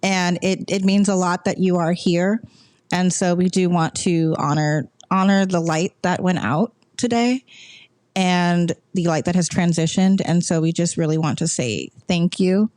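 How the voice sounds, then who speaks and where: Earnest woman co-host, a bit low-pitched, dry close sound. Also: measured pace, a little mellow, dry recording. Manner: earnest, gushing thanks, repeats herself. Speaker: podcast co-host. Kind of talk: casual chat.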